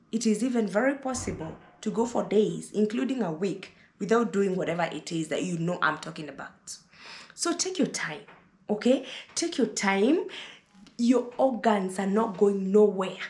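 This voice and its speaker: A woman's voice: mid-range voice, darkish tone, reverberant. Motherly Kenyan woman lecturing. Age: 30s. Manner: motherly, lecturing, repeats words and says "listen" often. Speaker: vlogger giving advice. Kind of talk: casual advice monologue to camera.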